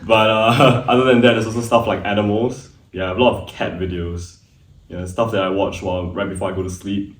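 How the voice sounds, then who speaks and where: Chatty young guy from singapore, lowish voice, sounds a bit far off in an echoey room. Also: fairly quick. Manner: relaxed, chatty, laughs easily. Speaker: student guest. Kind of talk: casual chat. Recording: echoey room, mic at a distance.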